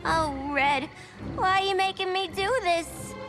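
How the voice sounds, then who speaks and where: High-pitched zany Harley Quinn. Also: female voice, unhurried, over music. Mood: pleading, coaxing. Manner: playful, slangy, cheeky. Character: zany, perky young woman antihero with cheeky bravado. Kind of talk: video game cutscene acting.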